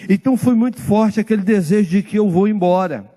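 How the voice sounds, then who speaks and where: A Brazilian Portuguese-speaking pastor giving a sermon testimony, telling his story in a lively way and acting out the dialogue. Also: high-pitched, fairly quick, in a large hall.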